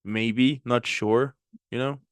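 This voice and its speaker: A man's voice: mid-range voice, fairly even intonation, takes it slowly, dry recording. A man hosting a casual chat show, laid-back and agreeable, with a slangy way of talking. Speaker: host.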